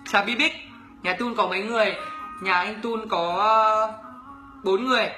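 Sharp in tone and sitting high, this young adult man's voice keeps fairly even intonation at a moderate pace. He's a YouTuber from Bac Ninh in northern Vietnam with a Northern Vietnamese accent, casually answering viewer questions on a livestream by reading comments aloud and teasing people. Faint music plays in a roomy-sounding space.

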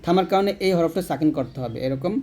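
A man teaching Quran recitation letter by letter, chanting verses slowly and then explaining pronunciation plainly. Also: on the high side, lively intonation, mellow, a little hiss or hum. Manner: slow drawn-out chanting alternating with plain instruction. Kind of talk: spelling-out recitation lesson.

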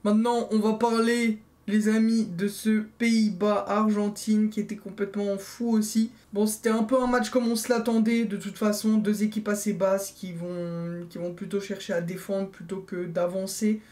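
A young man recapping a football match in casual chat, animated, repeating phrases for emphasis and calling viewers guys, filmed on a webcam in his bedroom. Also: sits high, normal speed, hardly any pauses. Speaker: football video creator. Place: bedroom, indoors, small.

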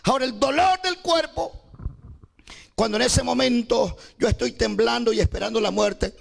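A man with a very high voice, gravelly and husky, tells his story to a church crowd. He preaches in a dramatic way and often bursts into shouts. He calls out to the people to clap and praise. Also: moderate pace. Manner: rallies the congregation to clap. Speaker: testimony speaker at a church service.

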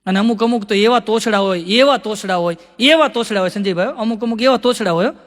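High-voiced man telling jokes. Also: quick pace, fairly bright tone, big-room sound. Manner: chatty, acts out quoted voices, laughs at his own punchlines. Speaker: stand-up comedian. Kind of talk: live stand-up storytelling.

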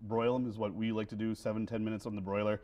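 A man's voice: fairly low pitch, quick pace. A man in his thirties, a winery guest on a TV cooking segment, talking casually with lots of fillers while he cooks in a studio kitchen. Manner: relaxed, many fillers and restarts. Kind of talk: casual cooking demo chat.

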